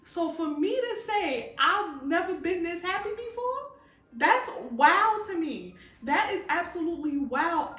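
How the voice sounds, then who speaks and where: A woman's voice: high-pitched, a bit bright, echoey room, far from the mic. A woman giving a fervent, preachy faith talk to camera, calling her listeners "baby" and asking if they hear her. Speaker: faith vlogger.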